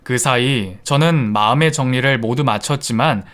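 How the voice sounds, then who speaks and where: A man reading a first-person story aloud in a steady, confiding storytelling manner. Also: medium pitch, moderate pace. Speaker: narrator.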